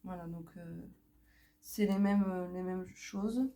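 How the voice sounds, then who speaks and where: A woman's voice: lowish voice, fairly even intonation, takes it slowly, dark tone. A woman with a cold, speaking nasally through a blocked nose, chatting casually as she shows off items she bought. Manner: chatty, repeats words, many fillers. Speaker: vlogger showing a haul. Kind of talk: casual unboxing chat.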